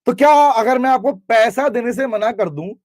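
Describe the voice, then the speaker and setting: A man teaching a class, lively, constantly questioning his students and acting out examples. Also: extremely high pitch, normal speed, no echo. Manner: lively, questioning students, mixes English terms into speech. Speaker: commerce teacher. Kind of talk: classroom lecture with role-play. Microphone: camera recording in class.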